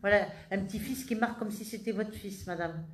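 A woman's voice: medium pitch, a little fast, a crowd in the background. A woman working as a medium, answering audience questions one after another in a familiar, direct and teasing way, using tu with strangers. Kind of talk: live public session, quick answers.

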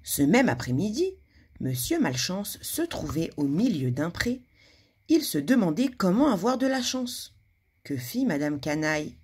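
Animated woman reading to children. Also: on the low side, unhurried, husky. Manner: animated, with hushed asides. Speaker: kindergarten teacher. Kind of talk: reading a storybook aloud to children.

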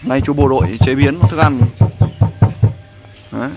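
A man's voice: medium pitch, measured pace, over loud music. A man, a vlogger who talks in a rambling way to his viewers and coaches a friend as they cook outdoors. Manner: rambling, repeats "there" often, coaching someone. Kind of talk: casual vlog narration and instructions.

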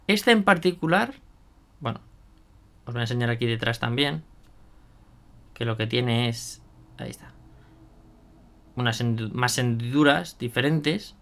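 A man's voice: medium pitch, expressive, unhurried, gravelly, pauses often, a bit bright. A man chatting casually through a hands-on product demo, thinking aloud with fillers and asides to viewers. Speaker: miniature painting youtuber.

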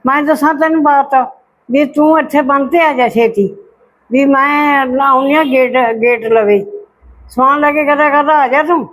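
A woman's voice: high voice, fairly even intonation, a little slow, a bit bright, slight background noise, poor audio. A woman acting a sly, demanding village aunt in a short drama, evasive and bossy, with a Malwa Punjabi accent. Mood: secretive. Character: sly, demanding aunt fond of tea and opium husk. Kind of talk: amateur short-film acting.

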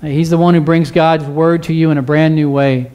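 On the high side, smooth and warm, this male pastor's voice keeps fairly even intonation at normal speed. He preaches in a church with earnest, repetitive urging, peppering the congregation with rhetorical questions.

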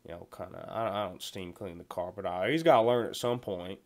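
In a comedy phone-call bit, a man with a low, darkish voice talks a little quickly. His character, a callous night guard of 40, rambles along in slangy speech, stammering and saying things twice.

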